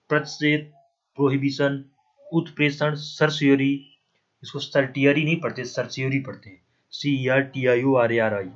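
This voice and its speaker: Male coaching teacher with a Hindi accent, mid pitch, spells out terms, muffled lo-fi sound. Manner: spells out terms letter by letter, repeats "ठीक है ना". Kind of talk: classroom lecture, writing on a board. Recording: dull, lo-fi recording.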